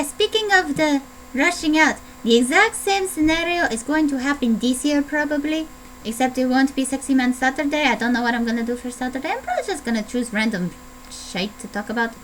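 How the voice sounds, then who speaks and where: A woman's voice: sits high, fairly bright tone, a little hiss or hum, low-quality recording. A young adult woman vlogging in a put-on Italian accent, rambling playfully with a self-deprecating manner. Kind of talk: casual rambling video diary.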